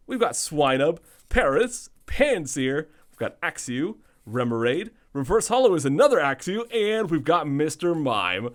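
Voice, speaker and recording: A man with a thin, weak voice giving casual unboxing commentary as the host of a video. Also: medium pitch. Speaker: host of card pack opening videos.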